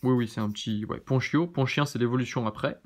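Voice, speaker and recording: A man hosting his channel, giving casual, relaxed commentary as he opens trading cards, often thinking aloud and second-guessing names. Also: mid-range voice, fairly quick. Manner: relaxed, chatty, many fillers. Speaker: YouTube channel host. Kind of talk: casual card-opening commentary.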